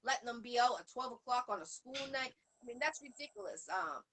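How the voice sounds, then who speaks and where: A woman with a Boston accent hosts a casual interview. Her voice sits high and sounds bright and forward. She talks earnestly, wandering through thoughts with frequent "um"s and restarts. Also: animated, a little fast, slight background noise, rough recording. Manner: earnest, rambling with many fillers. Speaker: show host.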